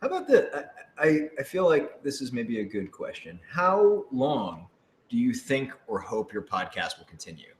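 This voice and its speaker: This young adult American man, a radio drama voice actor, has a medium-pitched voice that swoops wildly while keeping a moderate pace. He chats casually and spins stories in a wry, jokey, rambling style, recorded in an echoey, audibly noisy room.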